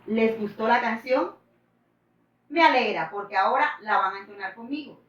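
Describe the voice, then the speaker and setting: A woman's voice: fairly high pitch, normal speed, fairly bright tone. A woman teaching a reading lesson to young children, asking them questions and praising their answers. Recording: echoey room, distant mic, dull sound.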